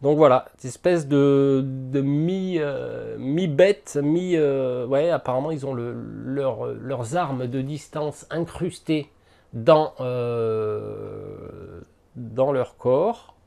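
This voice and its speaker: A man's voice: mid-range voice, extremely slow, gravelly, mellow. A man hosting a miniatures hobby channel, casually unboxing and thinking aloud to the camera with lots of hesitant fillers.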